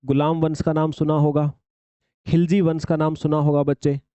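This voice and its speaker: A man lecturing, repeating himself and putting questions to his students. His voice sits fairly high and sounds warm and relaxed. The sound is close and dry, with no room around it. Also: normal speed, smooth, no echo, highs cut off. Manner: addresses students as "children", repeats points, asks rhetorical questions. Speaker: exam coaching teacher. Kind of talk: lecture on exam syllabus.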